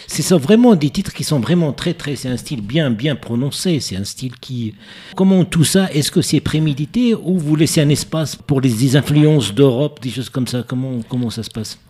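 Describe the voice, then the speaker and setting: A man's voice: medium pitch, expressive, normal speed, warm tone, slightly rough. A man from Morocco hosting a radio interview, asking questions while hesitating and searching for words. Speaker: radio host.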